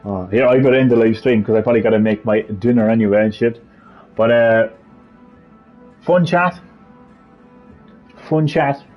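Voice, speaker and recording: A Cork-accented man from Ireland hosts a casual stream, swearing heavily as he jokes and rants. He talks at a moderate pace in a medium-pitched voice, pausing often, with soft background music and slightly muffled sound.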